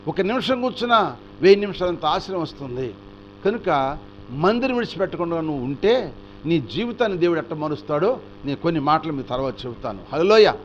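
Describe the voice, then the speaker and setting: A male pastor preaching a storytelling sermon, animated and asking the congregation rhetorical questions. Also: on the high side, muffled recording, slight background noise.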